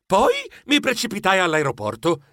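Expressive man narrating a children's story. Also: sits high, normal speed, dry recording, clean studio sound. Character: fussy male mouse newspaper editor, narrating. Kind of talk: scripted audiobook narration.

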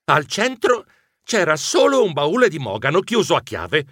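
A man narrating a children's adventure audiobook as a bookish mouse, telling the story in an animated way. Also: fairly high pitch, moderate pace, noisy background.

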